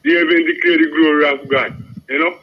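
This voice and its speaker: Jamaican rasta talking guy calling radio, really high voice, muffled lofi sound, rambles on insistently. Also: wildly swooping pitch, a little fast, vocal fry. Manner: rambling, insistent, repeats 'you know'. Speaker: radio phone-in caller. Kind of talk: casual Rastafarian-style Patois talk. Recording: dull lo-fi radio phone-in.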